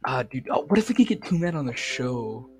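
A man hosting a podcast, chatting casually with crude, excitable banter while straining a sore voice. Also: mid-range voice, brisk, breathy edge, no room sound. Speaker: podcast host. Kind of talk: casual chat.

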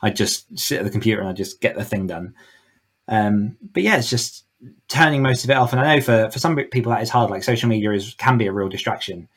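This author coach, appearing as a guest on a podcast, has a fairly low, slightly bright voice and talks fairly quickly. The interview is casual, and he lays out his thinking in a reflective way.

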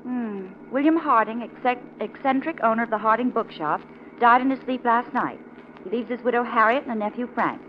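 An actress playing a brisk, skeptical young secretary in a 1940s radio drama. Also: female voice, on the high side, natural voice. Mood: curious. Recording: dull, faintly noisy vintage radio recording.

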